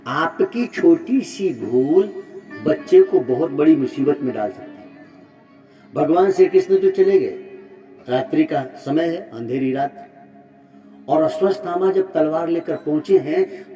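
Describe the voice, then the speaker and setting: A man giving a devotional sermon, retelling a religious story and appealing to the mothers listening. He shifts dramatically between loud exhortation and soft asides. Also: a little high, measured pace. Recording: muffled distant mic with music.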